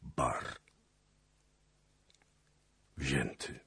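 A man's voice: a bass voice, animated, a little slow, sharp tone, breathy edge, no echo, exaggerated voice. A man voicing a grim, weary young officer who speaks in a subdued, grave way.

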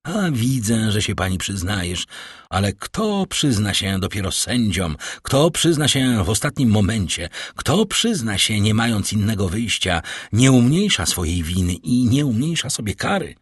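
A man reading an audiobook, voicing a cold, stern prosecutor who accuses his wife in a slow, cutting manner. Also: fairly low pitch, big pitch swings, breathy edge, no echo, clean studio sound. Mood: accusing. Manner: icy, cutting, slow and menacing. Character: cold stern male prosecutor, middle-aged husband. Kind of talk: audiobook character voice.

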